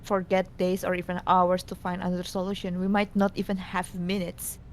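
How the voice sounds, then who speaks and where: A woman's voice: completely flat delivery, a little fast. Woman reading story narration, slightly noisy. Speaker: co-host reading a visual novel aloud. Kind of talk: scripted story narration, read casually. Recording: noisy, low rumble behind.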